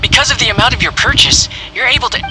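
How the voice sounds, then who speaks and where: A man's voice: extremely high pitch, racing, noisy background. A man playing a friendly, effusive festival bookseller in a video game. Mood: friendly, helpful. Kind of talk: scripted video game voice acting. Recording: game music behind.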